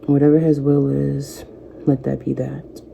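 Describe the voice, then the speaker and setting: Low gravelly woman talking softly to camera. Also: level tone, unhurried, highs cut off, a little hiss or hum. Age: 30s. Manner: soft, reflective and encouraging, speaking of faith. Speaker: vlogger. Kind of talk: personal talk to camera.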